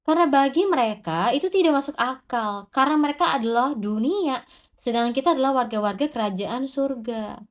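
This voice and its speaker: A woman's voice: sits high, fairly quick. A woman giving an informal devotional sermon, talking straight to the congregation and answering her own rhetorical questions. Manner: addresses the congregation directly. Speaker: preacher.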